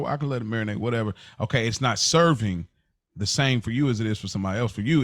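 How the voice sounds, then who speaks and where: An American man leads a casual podcast, recounting stories with animation, performing quotes and repeating phrases for emphasis. The studio-quality audio of his lowish voice carries no room sound.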